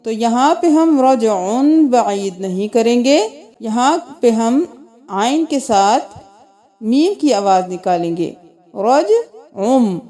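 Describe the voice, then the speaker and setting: Woman tajweed teacher, high mellow voice, spells out letters and vowels before slow melodic recitation. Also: lively intonation.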